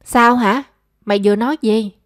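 A woman's voice: fairly high pitch, steady tone, normal speed, no echo, natural voice. A woman voicing a scolding, money-minded middle-aged mother who nags and complains, in a dry close recording. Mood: demanding.

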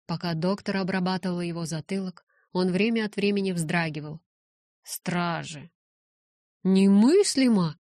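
A woman reading a first-person audiobook in a measured way, breaking into urgent shouts in her own dialogue. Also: fairly low pitch, steady tone, no echo, clean studio sound. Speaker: audiobook narrator.

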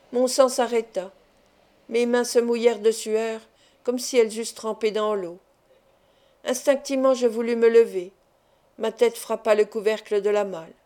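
Lady reading an old novel out loud, warm dark tone, a bit high, steady storyteller pace. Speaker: audiobook reader. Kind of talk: scripted narration of a novel.

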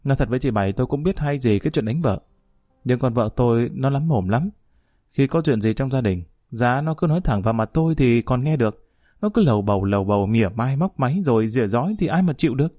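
A man's voice: mid-range voice, lively intonation, fast talker, dark tone, dry recording, clean studio sound, natural voice. A man voicing a sheepish young village husband who complains defensively about his nagging wife. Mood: grumbling.

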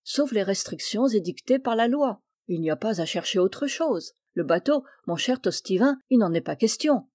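A woman's voice: mid-range voice, lively intonation, moderate pace, few pauses, warm tone, no room sound, close to an everyday voice. A woman voicing a stern middle-aged male maritime official who lectures with precise, impatient authority, recorded close and dry. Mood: explaining.

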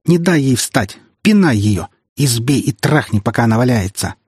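A man's voice: medium pitch, expressive, moderate pace, slightly rough, no room sound, studio quality. Man voicing a cruel goading young man. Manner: shouting, goading.

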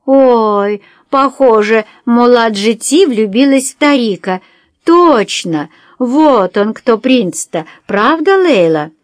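A woman voicing a cheeky, teasing teenage girl who jokes about everyone, with slow, drawn-out emphasis, in an audiobook. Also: fairly high pitch, animated, no room sound, clean studio sound, pitched above the performer's own voice.

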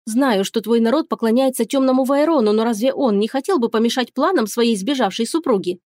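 A woman's voice: on the high side, a little fast, no room sound, clean studio sound, natural voice. A woman voicing a feisty, theatrical young princess who exclaims and plays at tears, in an audiobook. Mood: pleading. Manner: loud, exclaiming, mock-tearful. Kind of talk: audiobook character reading.

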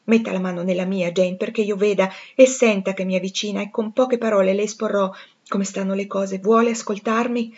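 A woman reading as a proud, passionate gentleman. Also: medium pitch, steady tone, fairly quick, lo-fi sound, close to an everyday voice. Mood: confiding. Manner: intense, pleading. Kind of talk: audiobook reading.

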